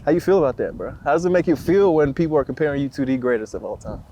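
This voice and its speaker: A man's voice: a little high, animated, racing, warm tone, slight background noise. Slangy frat-bro man hosting a podcast. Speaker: podcast host and interviewer. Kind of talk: casual hype interview chat.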